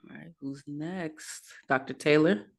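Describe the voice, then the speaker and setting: A woman's voice: deep voice, measured pace, gravelly, slightly rough. Upbeat woman hosting a video call panel. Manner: upbeat, loose, many fillers. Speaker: host. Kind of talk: online panel talk show hosting.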